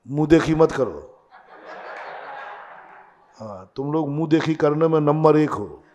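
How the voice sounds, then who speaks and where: Slow, emphatic male preacher in a hall. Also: on the high side, lively intonation, a little mellow, lo-fi sound, a little hiss or hum. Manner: slow, emphatic, questioning the audience. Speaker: Jain monk preaching. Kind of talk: sermon.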